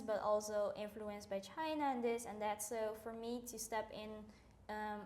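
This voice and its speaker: A woman's voice: mid-range voice, roomy sound. Earnest young woman from Cambodia. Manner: rambling, filler-heavy, earnest. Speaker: podcast co-host. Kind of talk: casual chat.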